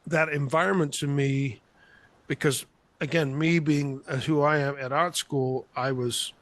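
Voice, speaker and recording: An older man from England who grew up in Spain, telling animated, rambling stories as an interview guest over a video call. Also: fairly high pitch, measured pace, no room sound. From England, raised in Spain. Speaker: guest artist. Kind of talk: conversational interview storytelling. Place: home room, indoors. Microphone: large podcast mic on a video call, headphones.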